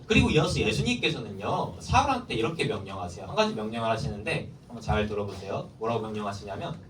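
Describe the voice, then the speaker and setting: A man's voice: fairly low pitch, fast talker, a crowd in the background. A man preaching to middle schoolers as a youth pastor, storytelling and quizzing his listeners. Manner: lively, keeps quizzing the listeners. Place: church hall. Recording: echoey hall, mic far off, faint ambience.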